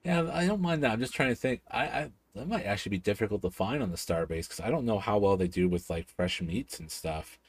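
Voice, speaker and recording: A man's voice: lowish voice, animated, fairly quick, few pauses, husky, no room sound. A man running a tabletop game as game master over voice chat, hesitant and thinking aloud. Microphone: home mic on voice chat.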